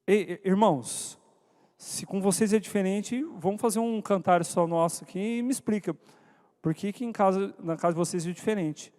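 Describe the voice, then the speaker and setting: A man's voice: high voice, moderate pace, dark tone. A man giving an interactive church talk to couples, asking the audience questions and calling on people by name. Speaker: speaker at a church couples' meeting. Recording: long hall reverb.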